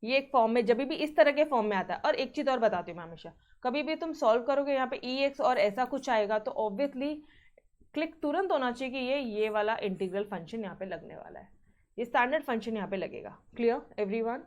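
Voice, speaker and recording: A woman's voice: a little high, expressive, brisk. A woman teaching a maths class, mixing Hindi with terms, often checking in with her students and sternly reminding them to practise. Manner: mixes Hindi with English terms.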